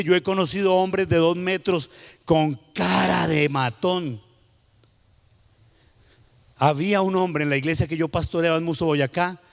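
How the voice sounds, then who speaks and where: A middle-aged man preaching a sermon as guest pastor, telling stories with shouted peaks and hushed drops. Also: a little high. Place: church sanctuary. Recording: long hall reverb of a church.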